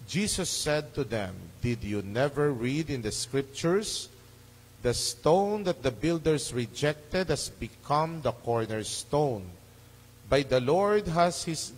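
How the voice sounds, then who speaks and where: A man serving as priest proclaims the Gospel in an unhurried, deliberate way, taking his time over each phrase. His voice rolls through a cathedral echo, with a long reverb trailing after every line. His pitch sits in an ordinary middle range. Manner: slow, measured proclaiming. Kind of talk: liturgical Gospel reading. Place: large church.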